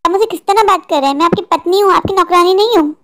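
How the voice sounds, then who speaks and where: Woman doing a whiny jealous cartoon wife, super high voice, always griping. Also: racing, fairly bright tone. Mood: arguing. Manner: complaining, bitter. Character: discontented young wife, envious and sulky. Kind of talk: cartoon dub voice acting.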